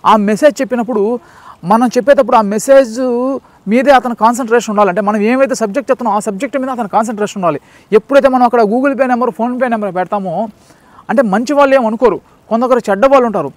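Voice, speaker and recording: A man delivers a preachy monologue to camera, circling back to the same points and throwing out rhetorical questions. His voice sits high, and the close, dry recording has almost no room sound. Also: quick pace, dry recording. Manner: repetitive, lecturing, rhetorical questions. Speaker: channel host. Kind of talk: casual talking-to-camera monologue.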